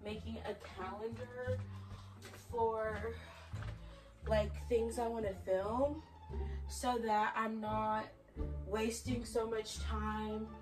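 A woman's voice: a little high, level tone, takes it slowly, long pauses, music in the background. Chatty young woman vlogging, a little far off. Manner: chatty, filler-heavy, talking while tidying. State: out of breath. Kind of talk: casual vlog talk.

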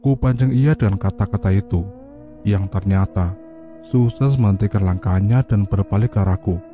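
A man narrating a horror story, reading in a steady, even storytelling way. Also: fairly low pitch, moderate pace, soft background music. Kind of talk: scripted narration.

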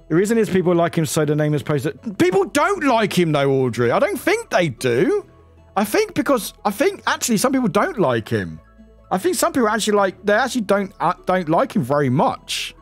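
Guy streaming a reaction, rambly, swears a lot, voice bounces all over, slightly high, some music under it. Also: moderate pace. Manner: excitable, rambling, swears freely; self-interrupting, scattered. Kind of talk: live reaction commentary.

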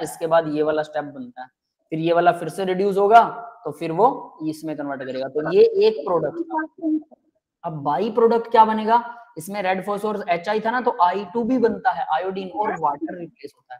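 A man's voice: sits high, a little mellow. Male chemistry teacher, live online lecture, step-by-step explaining, checks in with students often. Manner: explains step by step, keeps asking students if it is clear; addresses students as beta and bhai.

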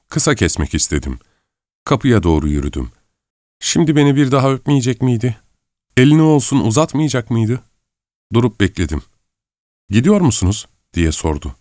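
A man narrating a novel in the first person in a measured, reflective way, on a close studio mic. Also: on the low side, darkish tone, no room sound. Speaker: audiobook narrator.

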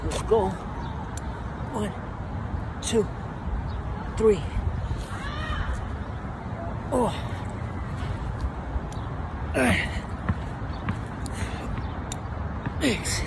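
A man's voice: high voice, lively intonation, very slow, vocal fry, long pauses. A man in his thirties, out of breath and straining as he counts his reps while doing push ups. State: out of breath from exertion. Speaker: fitness trainer. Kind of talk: casual workout vlog, cursing. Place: outdoors on open park pavement. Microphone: phone propped on the ground nearby. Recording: noisy outdoor phone recording, urban ambience.

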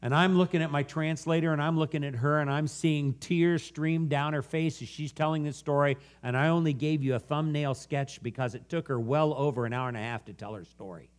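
A man preaching a sermon, earnestly telling a story that moves from animated to hushed. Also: on the high side, a little fast, few pauses. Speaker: guest preacher.

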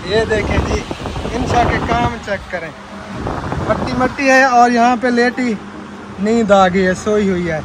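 Heavy background noise surrounds this Pakistani man's very high-pitched, measured voice as he vlogs from rural fields and a village courtyard. Holding the phone at arm's length, he chats with viewers in a pious, casual way while showing them around.

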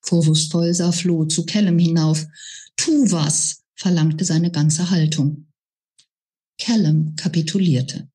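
A woman reads her own novel aloud, taking her time over each sentence. Her voice sits fairly low and the delivery stays slow and measured throughout. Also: fairly even intonation, warm tone, breathy edge. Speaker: author reading her novel. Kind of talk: book reading.

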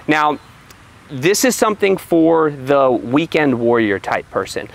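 A man's voice: a little high, vocal fry. A man in his thirties giving a casual product review to camera outdoors, recorded on a poor microphone with hiss. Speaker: vlogger reviewing gear. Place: outdoors at an open car tailgate.

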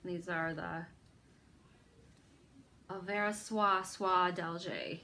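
A woman's voice: on the low side, steady tone, slow pace, sharp tone, slight background noise. A woman hosting a needlework video, chatting casually about her stitching projects in a rambling, self-deprecating way. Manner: rambling, self-deprecating, lots of ums and restarts.

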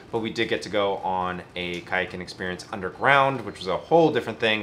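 Low bright-toned man outdoors. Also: slight background noise. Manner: easygoing, lightly joking. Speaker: RV travel vlogger. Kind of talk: casual seated chat. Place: outdoors beside a camper trailer.

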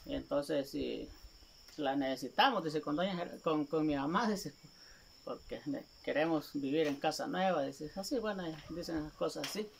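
A man, a vlogger speaking casually to his viewers in a gravelly voice, rambling and repeating himself as he recounts a conversation. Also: on the high side, moderate pace, a little hiss or hum. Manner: rambling, repeats "me dice" often.

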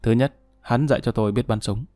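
A man's voice: medium pitch, quick pace, warm tone, no echo, faint music behind, lightly acted. A man playing a condemned male murderer who talks in a gloomy, self-pitying way. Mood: remorseful.

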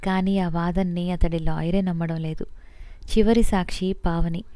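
A woman narrating an audio novel in a steady, measured storytelling style. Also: fairly low pitch, clean tone, no room sound. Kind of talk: scripted narration.

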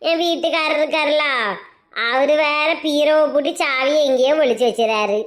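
Very high-pitched Kanyakumari woman. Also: steady tone, moderate pace. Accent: Kanyakumari Tamil. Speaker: channel host and sketch performer. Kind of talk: comic sketch acting.

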